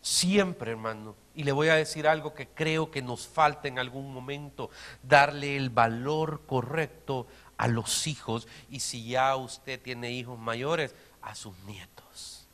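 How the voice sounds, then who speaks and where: A man, a pastor preaching a sermon, swinging between quiet, close remarks and loud, emphatic repeated phrases. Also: medium pitch, unhurried. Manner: dynamic preaching, swinging from soft to shouted emphasis.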